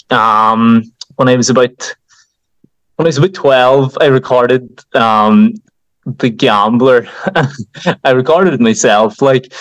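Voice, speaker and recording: A man's voice: medium pitch, smooth, dry recording, low-quality recording. A young man from County Donegal with a Donegal Irish accent, chatting informally as an interview guest and peppering his talk with "like" and "you know". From County Donegal, Ireland. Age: young adult. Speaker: podcast guest, country singer. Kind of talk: casual interview chat.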